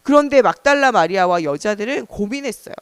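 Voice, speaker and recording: A woman pastor telling a Bible story at a children's service, animated and asking the children questions. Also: mid-range voice, a little fast, clean tone, no echo, studio quality. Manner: animated, asks children questions, gasps for drama. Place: church.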